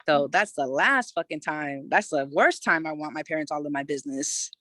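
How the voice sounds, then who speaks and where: A woman's voice: low voice, moderate pace, bright, forceful tone, dry recording. Frank, chatty woman from California, dry sound. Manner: frank, loose and chatty, with heavy "you know" fillers and casual swearing. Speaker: podcast guest. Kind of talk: candid personal storytelling in conversation.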